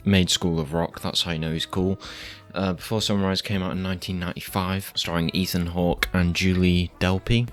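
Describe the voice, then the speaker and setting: Man, low voice, casual film review, laid-back, rambling, faint music behind. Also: fairly bright tone.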